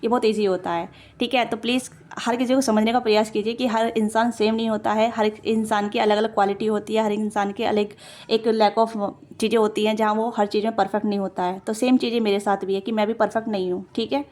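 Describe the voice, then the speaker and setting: एक महिला tarot reader, जो कैमरे से सीधे बात करते हुए रीडिंग करती है और बहुत सारे भराव-शब्दों और खुद को सुधारते हुए लगातार बोलती जाती है।. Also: female voice, mid-range voice, level tone, a little mellow. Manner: rapid run-on talk with many fillers and self-corrections. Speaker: tarot reader. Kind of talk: casual tarot reading to camera.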